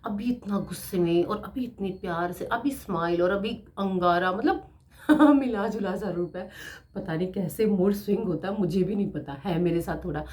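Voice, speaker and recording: Chatty, animated woman teacher. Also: fairly low pitch, moderate pace. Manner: chatty, animated, laughs often. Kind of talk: casual motivational talk.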